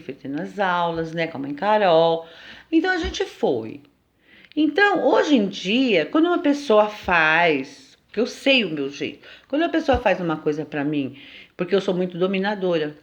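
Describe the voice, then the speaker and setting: Woman, Brazilian accent, spiritual teacher, conversational, middle pitch, somewhat dull lo-fi sound. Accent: Brazilian Portuguese. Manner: conversational, lively, often asks "né?". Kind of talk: informal spiritual lesson.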